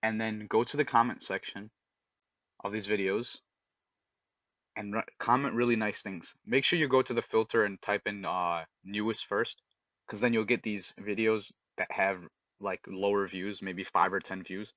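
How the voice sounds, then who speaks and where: A man with a low voice co-hosts a casual podcast and gives eager, direct advice. The audio is dry and dull, like a lo-fi call. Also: moderate pace, no room sound. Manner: animated, giving direct advice, acts out example voices. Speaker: podcast co-host.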